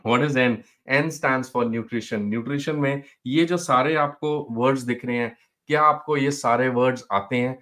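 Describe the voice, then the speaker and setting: Fast-talking North Indian male teacher. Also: medium pitch, steady tone, a bit bright. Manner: encouraging, addresses students by name, often repeats phrases. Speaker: medical exam teacher. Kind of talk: live online exam-review lecture, mixing English and Hindi.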